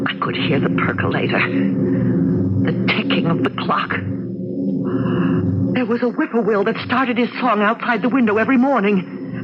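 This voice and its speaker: A woman's voice: mid-range voice, lo-fi sound, lightly acted. A woman acting a frantic, pleading wife haunted by a dream, in old radio drama style on a noisy recording. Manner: urgent, dramatic, breathless pleading.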